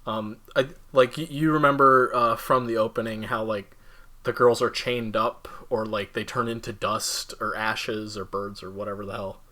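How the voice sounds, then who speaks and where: A man's voice: lowish voice, steady tone, moderate pace, bright, forceful tone. A young man co-hosting a casual podcast, rambling with lots of fillers and laughing often. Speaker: podcast co-host. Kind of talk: casual chat.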